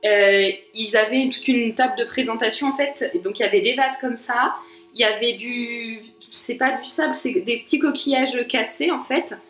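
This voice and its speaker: A woman's voice: on the high side, normal speed, a bit bright. A young woman from France chatting casually to camera, enthusiastic and full of fillers and asides. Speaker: vlogger. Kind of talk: casual chat. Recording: echoey room with faint music.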